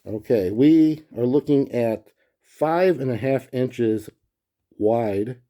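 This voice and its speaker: Guy doing a casual hands-on gadget review, really mellow dark voice, easygoing, kinda thinking out loud. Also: medium pitch, lively intonation, slow. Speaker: collector presenting a gadget review. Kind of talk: casual hands-on product showcase, unscripted.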